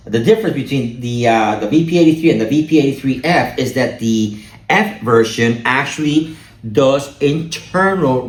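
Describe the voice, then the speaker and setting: A man's voice: medium pitch, echoey room. A man vlogging about his camera gear in a casual, chatty way, often asking "all right?", recorded on a camera-mounted shotgun mic. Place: outdoors or a room, filmed by his wife.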